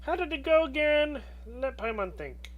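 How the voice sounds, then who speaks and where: A woman puts on a little fairy companion from a video game. The voice is high, chirpy and childlike, eager in temper and swinging widely in pitch. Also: very animated, normal speed. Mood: encouraging. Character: small, chirpy, eager fairy companion, talks in third person.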